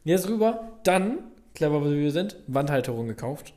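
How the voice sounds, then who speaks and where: A man co-hosting a casual podcast, telling an everyday mishap in an animated, exasperated way. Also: a little high, moderate pace. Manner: animated storytelling, exasperated complaints. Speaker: podcast co-host. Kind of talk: casual chat.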